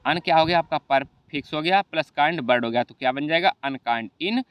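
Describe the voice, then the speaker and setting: Hindi accented guy teaching exam revision, kinda high voice, dry close sound. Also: a little fast, no echo, dull audio. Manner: repeats rhetorical questions and "ठीक है भैया".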